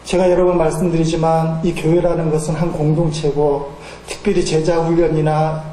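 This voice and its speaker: A male pastor tells folksy anecdotes in a sermon, sprinkling in fillers and acting out the voices of the people in his stories. His voice sits high for a man. It rings through a reverberant church hall over faint room noise. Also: level tone, moderate pace, mellow. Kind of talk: sermon with storytelling. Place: church sanctuary.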